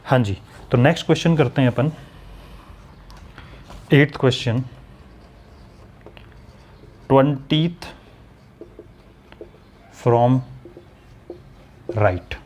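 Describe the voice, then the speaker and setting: A man's voice: medium pitch, extremely slow, long pauses, darkish tone. A man teaching an online exam-prep lesson, explaining step by step and often checking whether students follow. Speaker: maths and reasoning teacher.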